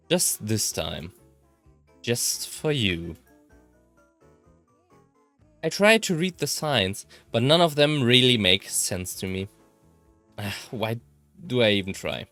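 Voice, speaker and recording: In a dry recording, a medium-pitched German man with a German accent performs first-person visual novel lines as a let's player. His reading is expressive.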